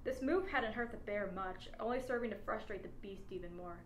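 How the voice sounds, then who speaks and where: A woman with a mid-range voice narrates a humorous adventure story from a script, reading a little fast. The space sounds echoey, with faint background noise.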